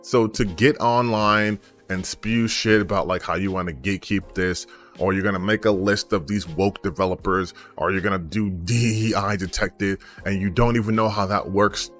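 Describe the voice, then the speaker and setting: A lowish-voiced American man rants straight to his audience, blunt and exasperated. He talks casually, swears freely and keeps hammering home rhetorical questions, with soft music playing faintly behind him. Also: fairly even intonation, normal speed. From United States. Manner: emphatic, blunt and frustrated, with repeated rhetorical questions. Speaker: gaming YouTuber. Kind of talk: unscripted opinion rant to camera.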